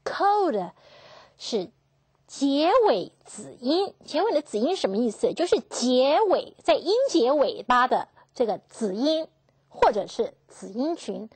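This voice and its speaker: Slow, husky-voiced woman teacher. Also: high-pitched, sing-song, darkish tone, no room sound. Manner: slow, drawn-out, repeats key terms, asks students questions. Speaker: English phonetics teacher. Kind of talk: classroom lecture.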